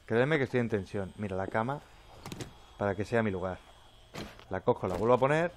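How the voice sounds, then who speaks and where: A man talks through his gameplay in a lively, wide-ranging voice that leaps up when he gets scared. He curses and mutters to himself in a jumpy, nervous way. A faint hiss sits under the recording. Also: fairly low pitch, brisk. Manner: jumpy, swearing, yelping when frightened. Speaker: gameplay commentator. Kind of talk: let's play commentary.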